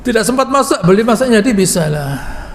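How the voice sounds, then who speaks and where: A man's voice: high voice, lively intonation, brisk. A man preaching a folksy, joking sermon with Quran commentary in a mosque, full of asides and chuckling at his own jokes. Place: mosque hall. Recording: reverberant mosque hall with faint noise.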